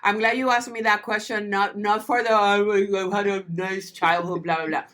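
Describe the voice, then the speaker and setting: Animated woman guest. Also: mid-range voice, normal speed. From Puerto Rico. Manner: animated storyteller, many restarts. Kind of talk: podcast interview.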